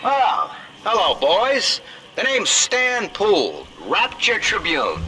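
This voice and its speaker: An actor playing a sly, fast-talking male reporter who wheedles his way into a shady deal, in a video game. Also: high-pitched, huge pitch swings, heavily acted, rough recording. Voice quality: smarmy, wheedling. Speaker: game character.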